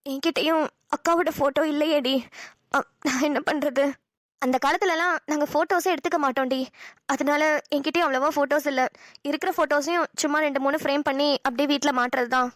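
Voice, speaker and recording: A woman's voice: sits high, steady tone, fairly quick, a bit bright, dry recording, clean studio sound. A woman voicing an affectionate, wistful middle-aged mother in a cartoon, with a motherly, scolding tone. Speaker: voice actor. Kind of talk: cartoon dialogue acting.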